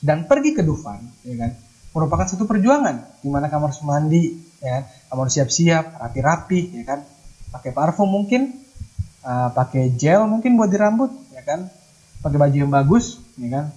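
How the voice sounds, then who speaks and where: A man's voice: a little high, very animated, normal speed, dark tone, low-quality recording. A young man from Manado preaching a casual, slangy youth sermon in an online church service, mixing in English phrases. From Manado, Indonesia.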